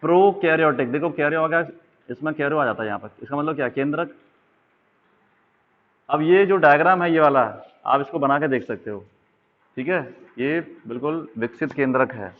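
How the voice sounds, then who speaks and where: Over a tinny, phone-like connection, a man with a slightly high voice teaches biology for exam preparation at normal speed, leaving long pauses. He draws diagrams as he explains and often checks in with the student.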